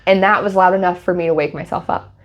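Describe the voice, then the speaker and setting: Animated woman telling a story on a podcast. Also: fairly low pitch, fast talker, muffled recording. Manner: animated storyteller, laughs while telling stories. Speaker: podcast co-host. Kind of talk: casual chat.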